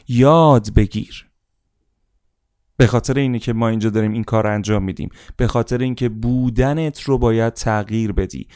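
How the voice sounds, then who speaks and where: A man giving a motivational seminar speech, emphatic and repetitive, often calling on listeners to repeat after him out loud. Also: mid-range voice, dry recording, clean studio sound. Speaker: motivational speaker.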